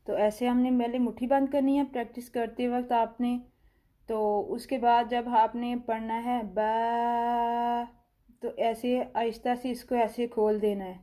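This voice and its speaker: Soft, low-key Pakistani Urdu woman teaching. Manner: draws out letter sounds slowly, then explains calmly. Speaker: Quran recitation teacher. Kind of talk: slow step-by-step tajweed lesson.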